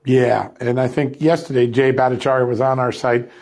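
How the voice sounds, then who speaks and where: A man's voice: medium pitch, flat delivery, moderate pace, a little mellow. Man hosting a political talk show. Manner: conversational, tells anecdotes.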